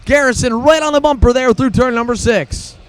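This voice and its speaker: High-pitched male motorsport commentator calling a race. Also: a little fast. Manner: excitable, urgent calling of the action. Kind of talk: live kart race commentary, play-by-play.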